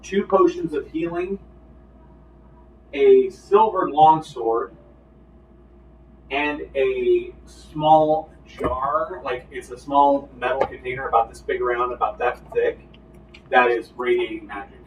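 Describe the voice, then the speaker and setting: A man runs a tabletop game as its game master, laying out loot and the scene ahead for his players. His medium-pitched voice sounds roomy and echoing, caught from a little way off the mic. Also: fairly even intonation, takes it slowly, a little hiss or hum. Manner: describes loot and scenes, hesitant restarts. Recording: echoey room, distant mic.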